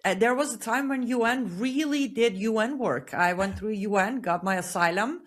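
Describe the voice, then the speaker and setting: A woman from Iran, a guest author, giving measured, earnest answers in an interview. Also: a little high. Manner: measured, earnest personal account.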